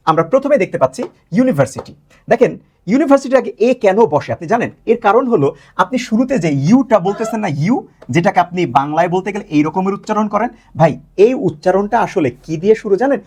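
Man, Bangladeshi accent, English teacher, grammar lesson, animated delivery, fairly high voice. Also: slightly rough. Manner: quizzing viewers with questions he answers himself; drawn-out stressed example words.

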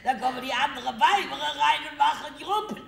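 A woman's voice: sits high, a little fast, vocal fry. Woman playing a scornful, fed-up wife. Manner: sharp-tongued, mocking. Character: fed-up middle-aged wife leaving her husband. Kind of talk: live stage comedy sketch. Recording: echoey hall from far off, loud audience and noise.

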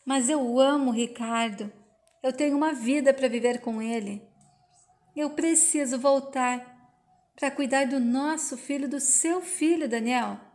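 A woman's voice: sits high, unhurried, a little mellow. A woman reading the lines of an earnest young woman torn between love and life. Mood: yearning. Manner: earnest, yearning.

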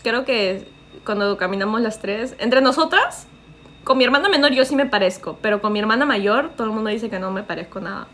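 A woman's voice: a little high, expressive, a little fast, fairly bright tone. A young woman with a Peruvian accent chatting on a livestream, reading out comments and joking. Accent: Peruvian Spanish. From Peru. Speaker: streamer.

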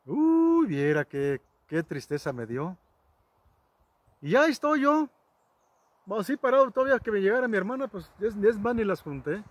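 Folksy high-voiced man. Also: very animated, moderate pace, long pauses, no echo. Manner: rambling, folksy, many restarts and asides to viewers. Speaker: vlogger telling ranch stories. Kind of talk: casual storytelling to camera.

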